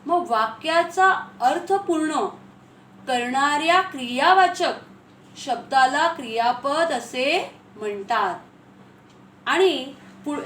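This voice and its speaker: A woman teacher giving a grammar lesson, repeating key phrases slowly and asking her pupils questions. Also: sits high, a bit bright. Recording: echoey room, faint ambient noise.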